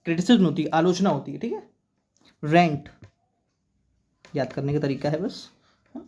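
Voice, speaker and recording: An expressive man with a slightly high, darkish voice moves at a moderate pace through an exam-prep English lesson. He explains vocabulary and grammar patiently, occasionally spelling words letter by letter, and keeps saying "okay" to check on students.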